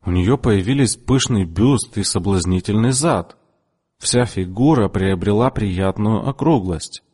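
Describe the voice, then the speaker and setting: A man reads a story aloud in an expressive, measured way. His voice sits low but moves a lot in pitch. The recording carries a long reverberant tail. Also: husky. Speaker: narrator. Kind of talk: audiobook narration.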